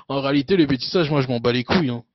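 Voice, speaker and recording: A man's voice: medium pitch, dry recording. Casual man with a dull, dry sound. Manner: loose, with frequent hesitations and "you know" tags. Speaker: guest. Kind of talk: casual conversational interview.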